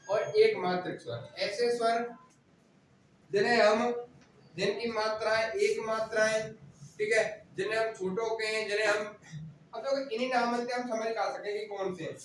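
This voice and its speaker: A man's voice: sits high, distant mic. A male teacher, drilling a class in grammar, repeating points and scolding students. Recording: very echoey room, voice from afar, faint noise.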